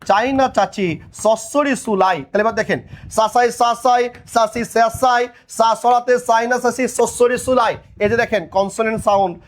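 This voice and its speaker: A man's voice: extremely high pitch, steady tone, moderate pace. A young man teaches an online admission class, drilling answers and teasing students. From Bangladesh. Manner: drilling call-and-response, repeating answers.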